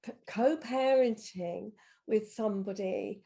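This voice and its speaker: A woman's voice: medium pitch, slow, creaky, warm tone. A woman hosting a podcast interview, listening attentively and steering the conversation with short remarks. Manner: attentive, steering the talk with brief backchannels. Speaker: podcast host.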